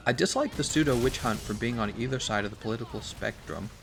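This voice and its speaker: A man's voice: mid-range voice, quick pace, creaky, soft background music. A man from Missouri chatting casually on a game live stream, rambling and reading chat comments aloud with frequent laughs. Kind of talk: casual chat while gaming.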